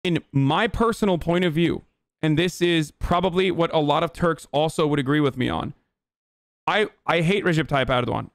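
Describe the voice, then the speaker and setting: A man's voice: a little high, no room sound, clean studio sound. Blunt, profane man ranting on stream. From Turkey. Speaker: political streamer. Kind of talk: heated livestream commentary. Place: home room, indoors. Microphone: studio mic on boom arm.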